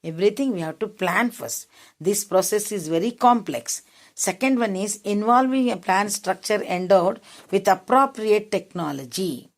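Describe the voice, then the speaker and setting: A woman with an Indian English accent teaches a geography lesson. She reads a passage, then goes back over it in plainer words, often restarting her sentences. Her voice sits at an ordinary middle pitch. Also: expressive, moderate pace. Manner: rephrases each point in simple words, asks if it is clear. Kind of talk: classroom lesson, reading then explaining.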